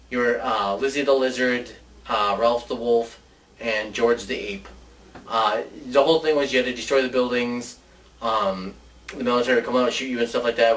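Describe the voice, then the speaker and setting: A man with a medium-pitched, slightly bright voice co-hosts a casual show about movie ideas, rambling informally as he shares his thoughts. The mic sits at a distance and picks up faint background noise.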